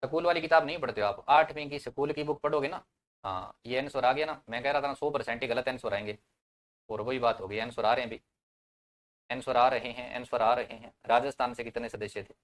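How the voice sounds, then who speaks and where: A young man runs a live online exam-prep class. He keeps his pitch at a middling level and drills each key point again and again. He pauses to throw questions at his students. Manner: repetitive drilling, quizzing students. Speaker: teacher.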